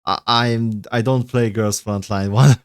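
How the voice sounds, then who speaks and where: A man's voice: on the low side, fairly even intonation, unhurried, clear, resonant tone, no room sound. Man, casual livestream talk, rambling, self-correcting, casual swearing, resonant voice, dry home mic. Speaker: streamer reacting to game lore. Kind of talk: casual livestream reaction chat.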